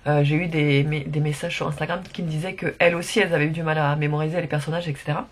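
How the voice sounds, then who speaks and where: A woman's voice: low-pitched, steady tone, rapid-fire, husky. A woman with a sore, congested throat, chatting casually to her vlog viewers. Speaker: vlogger.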